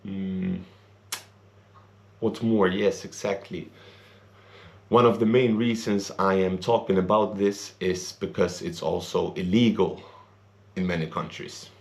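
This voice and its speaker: A young Swedish-born vlogger speaks English in a deep, steady, gravelly voice that's a little mellow. He goes slowly with frequent pauses, giving an earnest, rambling opinion monologue in non-native grammar.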